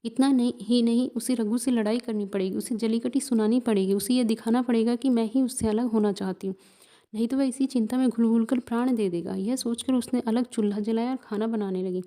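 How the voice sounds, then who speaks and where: A woman narrating a classic short story in a steady storytelling manner, voicing every character. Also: on the high side, fairly quick.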